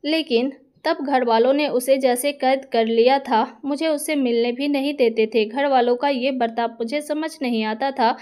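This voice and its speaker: A woman narrating a dramatic first-person family story in a steady reading voice. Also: sits high, moderate pace, few pauses, clear, resonant tone.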